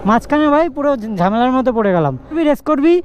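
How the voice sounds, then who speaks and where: A man from West Bengal narrating his motorcycle ride to viewers in an excitable, chatty way, calling everyone "bhai" again and again. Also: very high voice, quick pace. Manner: excitable, says "bhai" constantly, talks to viewers. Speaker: motovlogger. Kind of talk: casual vlog commentary while riding. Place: on a motorcycle on city roads, outdoors. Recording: road and traffic noise.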